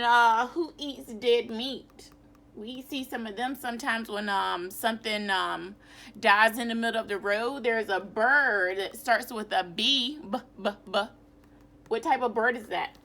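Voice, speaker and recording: Woman teacher, storybook read-aloud, slightly high, bright voice, unhurried. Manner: reads slowly, stops to quiz children. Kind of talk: read-aloud lesson for children. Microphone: phone camera.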